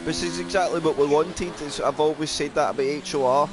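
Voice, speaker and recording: A South African man calls a sim race, rattling off positions and lap times in a brisk, chatty way. His voice sits slightly high. Engine noise from the game runs clearly under the whole recording. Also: steady tone. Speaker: race commentator. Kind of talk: sim racing commentary.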